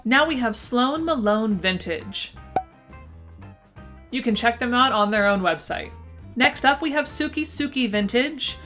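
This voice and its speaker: Background music accompanies a vintage shop roundup presenter as she eagerly narrates a scripted list to camera. Her voice is fairly high, animated and fairly bright yet unhurried, and her lisp makes her s sound slushy.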